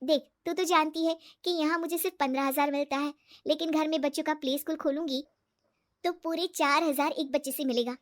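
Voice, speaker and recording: A woman's voice: sits high, fairly even intonation, a little fast, pitched above the performer's own voice, natural voice. A woman voicing a cheerful, trusting young woman who works in an office.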